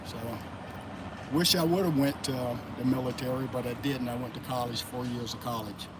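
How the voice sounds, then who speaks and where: A livestream host from Florida, USA, keeps a steady tone and moderate pace in his mid-range voice while running a casual motivational stream. He talks loosely, greets chat viewers by name, and is recorded outside with loud traffic noise.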